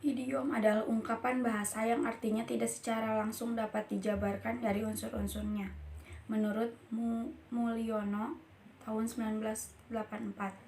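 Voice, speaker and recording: A woman's voice: fairly high pitch, flat delivery, moderate pace, gravelly, a little mellow, slight background noise. Young woman reading course notes aloud. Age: young adult. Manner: reads steadily from notes, with small slips and restarts. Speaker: university student presenting.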